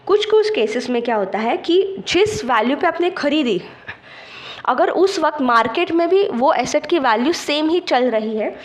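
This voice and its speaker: A woman's voice: sits high, lively intonation, moderate pace. A woman teaching an exam-prep lecture, explaining step by step and checking in with students, mixing English terms into her Hindi. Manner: patient, checks understanding with frequent "theek hai".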